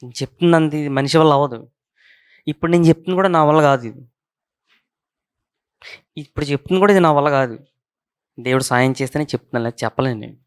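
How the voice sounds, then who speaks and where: A man with a fairly high voice preaches in an easy, conversational way. He circles back to his main points and keeps checking that the congregation is following. The sound is dry and close, with almost no room echo. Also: quick pace, long pauses, clear, resonant tone. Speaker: pastor. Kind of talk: conversational sermon.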